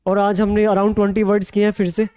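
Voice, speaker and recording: An English teacher with an Indian accent gives a beginners' vocabulary lesson. The teacher explains patiently and repeats each example sentence slowly and clearly. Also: mid-range voice, little pitch movement, darkish tone, no room sound.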